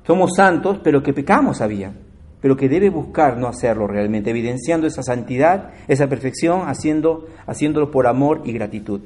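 A man preaching a sermon, shifting between loud emphatic lines and quiet asides and often asking his listeners direct questions. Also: mid-range voice, animated, brisk.

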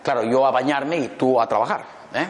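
A man's voice: mid-range voice, fairly quick. A man, giving a playful motivational talk full of jokes and asides to his audience. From Peru. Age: 50s. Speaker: motivational speaker. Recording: echoey hall with long reverb, faint noise.

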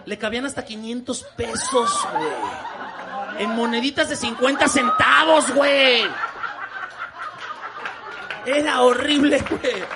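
A man's voice: very high voice, wildly swooping pitch, slow pace, long pauses, heavy background noise. A young man with a Mexican Spanish accent, performing a stand-up comedy set in slangy, crude language and laughing as he tells stories. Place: comedy venue with a live audience. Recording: live audience laughter behind him.

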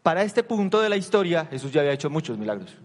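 A man preaching a conversational sermon to a congregation, animated and full of rhetorical questions. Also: a little high, racing. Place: church hall with a congregation. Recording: long hall reverb.

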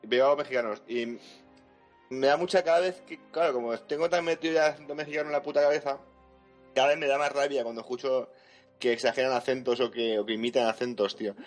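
A man's voice: mid-range voice, fairly even intonation, quick pace, faint music behind. A man from Spain, co-hosting a podcast in blunt, sweary, rambling chat. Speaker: podcast co-host. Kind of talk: casual gaming podcast chat.

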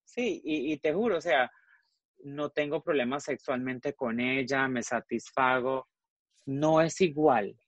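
A woman's voice: a bass voice, measured pace, no echo. A woman chatting on a talk show panel, telling stories animatedly and acting out both sides of conversations. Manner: animated storyteller, acts out both sides of phone calls. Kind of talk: casual chat.

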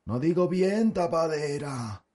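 An actor playing a big, gloomy old village elder who talks in slow rustic dialect, in an audiobook drama. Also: male voice, fairly high pitch, lively intonation, a little mellow. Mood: folksy. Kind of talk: audiobook radio drama acting.

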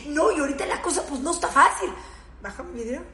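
Middle-aged woman, Mexican accent, high-pitched, animated and salty storyteller; echoey room. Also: fast, soft background music. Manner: animated, swearing, laughs through her words. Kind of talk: comic anecdote.

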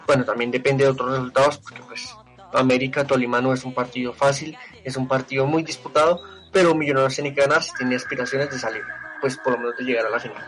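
Man, sports talk host, mid-pitched voice, casual analysis with many pauses, faint music behind. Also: fairly even intonation, a bit bright. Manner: conversational, hesitant, with frequent pauses and restarts. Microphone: remote connection from home.

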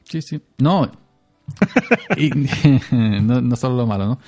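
With a warm, mid-range voice and a slow pace, a man from Andalusia in Spain chats loosely as a podcast co-host. He speaks with an Andalusian accent, wanders from point to point, and laughs frequently, while faint music plays in the background.

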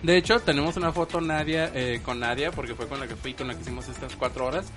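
A man's voice: medium pitch, quick pace, music in the background. A man joking and laughing in casual podcast chat. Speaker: podcast co-host.

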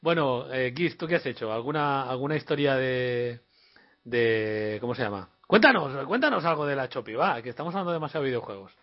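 Joking young Spaniard in a chat. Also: male voice, mid-range voice, expressive, fairly quick. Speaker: podcast co-host. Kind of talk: casual chat. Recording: dull lo-fi audio.

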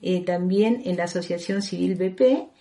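A woman's voice: lowish voice, moderate pace, warm tone. A woman hosting a radio program, chatting casually and hesitantly with many fillers. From Argentina. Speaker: radio host.

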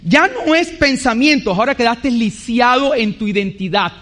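Very high-voiced preacher man. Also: animated, normal speed, a bit bright. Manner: emphatic, acts out other people's voices. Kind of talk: sermon.

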